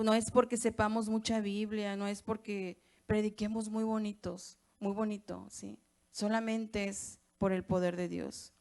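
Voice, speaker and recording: A woman pastor preaching a sermon with a Mexican Spanish accent, emphatic, asking rhetorical questions and repeating phrases for weight. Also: medium pitch.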